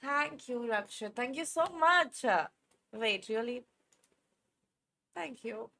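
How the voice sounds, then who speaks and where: A woman's voice: on the high side, animated, slow, creaky, pushed and bright. Chatty young Indian woman streamer. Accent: Indian English. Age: 20s. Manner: chatty, reacts to chat, laughs often, self-corrects. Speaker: chess streamer. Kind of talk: casual live-stream chat with viewers.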